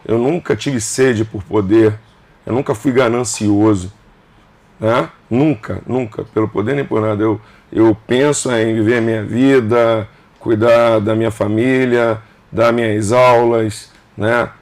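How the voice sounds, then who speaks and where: A man's voice: on the low side, steady tone, unhurried, a little mellow. A man in his fifties, a governor being interviewed on a casual podcast, who speaks emphatically in short clauses and repeats phrases. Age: 50s.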